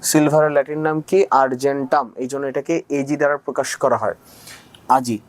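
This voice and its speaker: A man with a mid-range voice, fairly even intonation and normal speed teaches chemistry in a recorded video lecture. Casual in manner, he mixes in English words, chants a memory rhyme, asks and answers his own questions, and keeps checking with "okay?" and "ঠিক আছে?".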